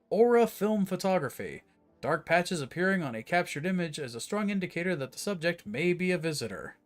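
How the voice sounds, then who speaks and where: Man doing a radio announcer, formal, flat, emergency bulletin. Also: on the high side, voice pushed up, lightly acted.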